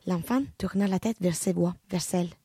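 A woman narrating a literary novel in a measured, even reading voice. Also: on the low side, husky, no room sound, clean studio sound.

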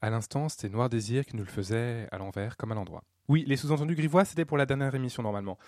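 A man's voice: mid-range voice, fast. A man hosting a radio show, reading scripted links in a wry, joking way. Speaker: radio host.

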